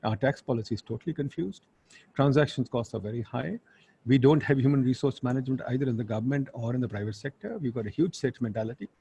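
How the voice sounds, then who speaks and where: Husky Pakistani man hosting a webinar. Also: medium pitch, quick pace, mellow. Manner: informal, blunt, sprinkles in Urdu asides. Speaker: webinar host and moderator. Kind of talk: informal spoken webinar introduction. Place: online webinar.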